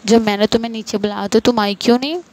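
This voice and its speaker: A woman's voice: on the high side, steady tone, fast talker, a little mellow, lightly acted. A woman voicing a bold, teasing young lover.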